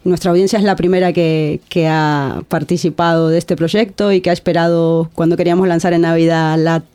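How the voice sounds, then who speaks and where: An Argentine content creator, a guest in a casual interview, speaks earnestly and reflectively with an Argentine accent, often restarting words and adding "¿no?". Her voice is lowish, steady, fairly quick, dark, clear, and resonant.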